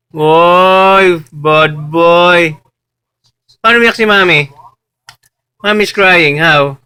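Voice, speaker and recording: A woman speaks to a toddler in home-video baby talk, asking the same teasing questions again and again. Her voice sits rather low, and she drawls each line slowly and patiently. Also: sharp tone. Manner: coaxing, repeats playful questions to a toddler; mixes English phrases into Tagalog. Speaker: caregiver talking to a small child.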